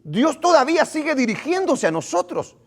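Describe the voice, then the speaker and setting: A male pastor preaching a sermon to his congregation in an animated way, often repeating and restarting his words. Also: extremely high pitch, normal speed. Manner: animated, acts out what his congregation says.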